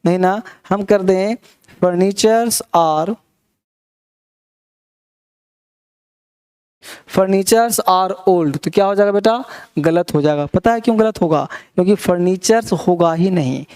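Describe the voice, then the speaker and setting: A middle-aged man teaching English grammar in a classroom, who keeps asking quick questions and mixes in English terms. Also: high-pitched, mellow, smooth. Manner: coaxing, asks many quick questions. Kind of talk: classroom lecture.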